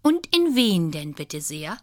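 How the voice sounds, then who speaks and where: A woman reading a children's story, voicing a bossy, outspoken schoolgirl who talks strictly and loudly. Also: on the low side, sing-song, slow pace, no echo, studio quality. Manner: strict, loud.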